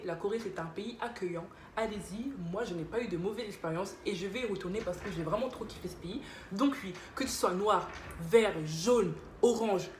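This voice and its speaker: A woman's voice: mid-range voice, a little mellow. Casual YouTuber, young woman, playful and chatty, roomy echo, faint hum behind. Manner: chatty, playful, self-mocking. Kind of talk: casual Q&A vlog. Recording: echoey room with faint ambience.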